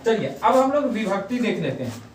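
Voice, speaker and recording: A man's voice: sits high, big pitch swings, fairly quick, slight background noise. A man teaching a grammar lesson who drills the class, repeating terms and asking then answering his own questions. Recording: echoey room, mic at a distance.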